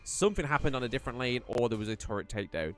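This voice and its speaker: A male esports caster calls the game live, chatty and rambling, and lifts into excitement whenever fights break out. His voice sits at an ordinary middle pitch. Faint music plays quietly behind him. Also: rapid-fire. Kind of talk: live play-by-play game commentary.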